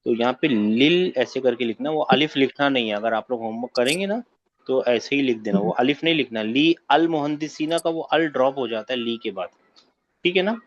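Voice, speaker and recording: A man's voice: medium pitch, lo-fi sound. Man teaching an online grammar class. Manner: patient, quizzing students, repeats points. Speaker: Arabic teacher.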